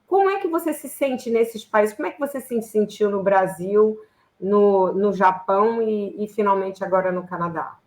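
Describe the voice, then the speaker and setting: A woman's voice: medium pitch, moderate pace, darkish tone, low-quality recording. Chatty woman host of a live talk. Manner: chatty, loose, with restarts. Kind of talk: live interview hosting.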